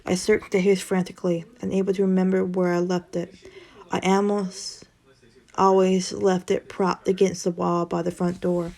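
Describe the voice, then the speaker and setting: Gravelly, low-voiced woman reading horror. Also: normal speed. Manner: steady storytelling, occasional tongue-tied slips. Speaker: horror story narrator. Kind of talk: first-person horror story reading.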